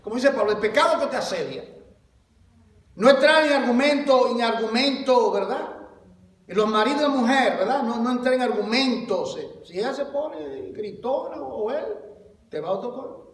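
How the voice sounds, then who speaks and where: A man preaching a sermon as pastor, swinging from loud exclamations to low confiding asides and calling his listeners brother. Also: lively intonation, normal speed, roomy sound, distant mic. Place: church hall.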